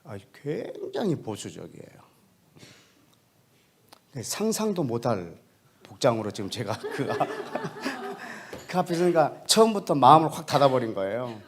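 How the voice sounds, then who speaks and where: A male missionary preacher telling a story in a sermon, putting questions straight to the congregation and often dropping into a soft, hushed voice. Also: medium pitch, huge pitch swings, a little slow, slight background noise. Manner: addresses the congregation directly with questions.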